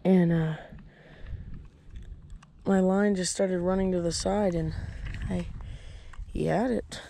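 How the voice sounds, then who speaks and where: A young man filming a casual fishing vlog at a farm pond, excitedly talking to his viewers as he catches and handles bass. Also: takes it slowly, gravelly. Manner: excited, addresses viewers as guys. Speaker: fishing vlogger. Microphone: head-mounted action camera, later a phone. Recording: noisy outdoor camera audio.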